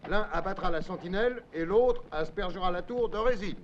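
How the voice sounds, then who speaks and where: An actor in a dubbed adventure film playing an urgent medieval officer giving commanding orders to soldiers. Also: male voice, high voice, fairly quick, lightly acted. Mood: firm, commanding. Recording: dull old film soundtrack, crowd, noise.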